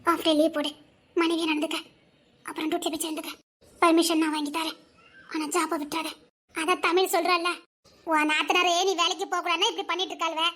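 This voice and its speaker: A woman's voice: extremely high pitch, flat delivery, fast, pauses often, a bit bright, pitched below the performer's own voice. A woman voicing a firm female friend who reassures and advises the wife in a web drama.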